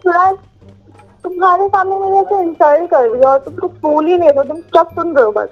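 High-pitched young woman, teasing sulky gamer banter over game music. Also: brisk, muffled recording. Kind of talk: casual gaming chat.

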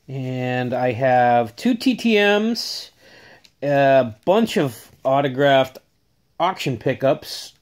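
A man casually talking through his autograph collection in a home vlog, rambling with many fillers and restarts, filmed on a handheld phone. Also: mid-range voice. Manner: rambling, filler-heavy, upbeat. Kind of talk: casual show-and-tell vlog.

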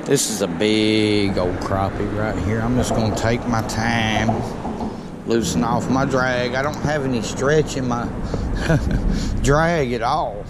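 A middle-aged fishing vlogger with a slow, mid-range voice offers folksy commentary while fishing from a small boat on a lake beneath a bridge, and gets excited when the fish bite. He's recorded outdoors on a body-worn action camera that picks up ambient noise.

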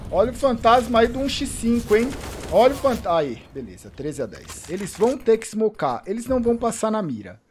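A man with a Brazilian Portuguese accent reacting live to an esports match, excitable and profane, repeating short cries. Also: sits high, slightly rough. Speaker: streamer commentating an esports match. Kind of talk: live game reaction commentary.

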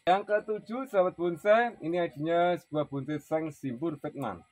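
A man's voice: on the high side, moderate pace, darkish tone, no room sound. A man with a Javanese Indonesian accent giving a casual sales presentation as host, repeating prices and names for viewers. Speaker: host reviewing bonsai for sale. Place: outdoors in a plant yard.

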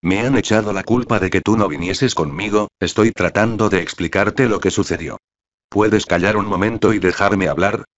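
A man voicing an anxious, excitable young boy who speaks urgently and insistently. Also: lowish voice, normal speed, natural voice. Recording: dull lo-fi audiobook recording.

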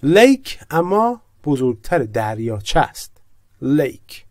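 Guy going over english vocab, says each word twice slow, dry close sound. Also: mid-range voice, big pitch swings, a little mellow, no room sound. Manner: explains word by word, repeats each English word slowly. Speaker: English teacher. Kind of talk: vocabulary lesson.

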